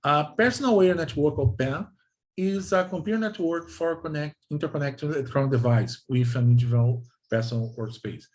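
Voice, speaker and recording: A native Portuguese speaker with a Brazilian accent, this man lectures on technical material in halting non-native English, repeating himself and often checking in with short questions. His voice is somewhat high with a darkish tone.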